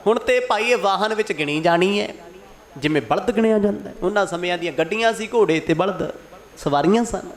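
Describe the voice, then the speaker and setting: Animated preacher, higher voice. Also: male voice, a little fast. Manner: acts out both quarrelling sides with shifting voice. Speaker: katha preacher. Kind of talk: sermon storytelling.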